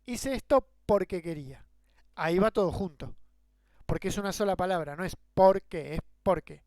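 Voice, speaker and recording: A man's voice: sits high, animated, fairly quick, darkish tone, no room sound. A man with a Rioplatense Spanish accent giving a grammar lesson, explaining with rhetorical questions and worked examples. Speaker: teacher. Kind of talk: grammar lecture.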